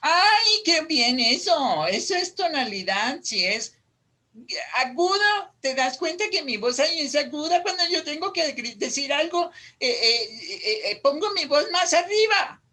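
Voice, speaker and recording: A woman's voice: big pitch swings, measured pace, bright, forceful tone. A woman leading an oral expression workshop on a video call, affectionate and full of diminutives, moving her voice up and down to show tone. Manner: affectionate, uses diminutives, swings between high and low voice to demonstrate tone. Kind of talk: casual teaching over a video call.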